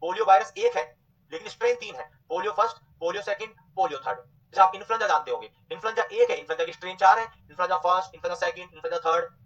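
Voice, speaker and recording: A man teaching a nursing exam class, repeating terms slowly and quizzing his students. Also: sits high, a bit bright, distant mic, lo-fi sound. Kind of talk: online exam coaching lecture.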